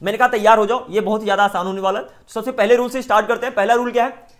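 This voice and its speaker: Chatty Indian English teacher, high voice. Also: male voice, fairly even intonation, rapid-fire. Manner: chatty teacher, mixes Hindi and English, repeats checks for understanding. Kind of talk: online grammar lesson.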